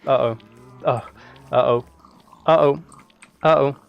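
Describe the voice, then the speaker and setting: Chatting slowly with a steady tone at medium pitch, a man plays a game indoors at his computer on a live stream, his commentary rambling, casual and self-amused. The recording has its highs cut off, with clear background noise plus keyboard and mouse clicks.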